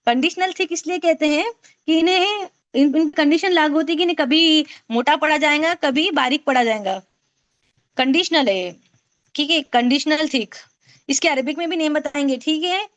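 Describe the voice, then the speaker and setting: Her voice high and light, a Quran recitation teacher leads a class by video call at a normal speed. She goes through every point patiently and keeps repeating sounds so the students can drill them.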